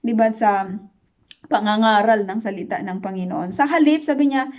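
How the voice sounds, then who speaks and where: A woman teaching a Bible study in an earnest preaching style. She keeps checking in with her listeners, mixes English words into her talk, and slows down to stress key lines. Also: medium pitch, darkish tone. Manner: earnest, asks listeners "di ba?" again and again. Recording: dull lo-fi sound.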